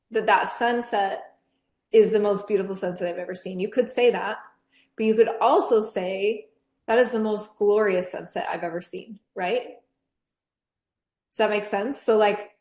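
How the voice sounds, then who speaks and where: A woman teaching a scripture class to teens in a chatty, animated way with frequent laughs and fillers. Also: medium pitch, echoey room.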